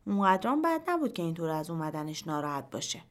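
A woman reading a short story aloud in first person, in a quiet, measured storytelling voice. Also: low voice, very animated. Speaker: narrator. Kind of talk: scripted narration of a short story.

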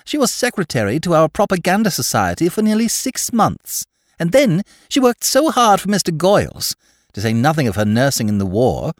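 A man voicing an eager, gushing young woman activist in a storybook reading, high and breathless. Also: huge pitch swings, normal speed, dry recording, studio quality.

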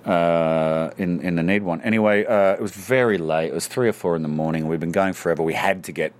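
A man's voice: deep voice, a little fast. A man, an actor telling stories in a casual interview. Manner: animated anecdote teller. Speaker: actor guest.

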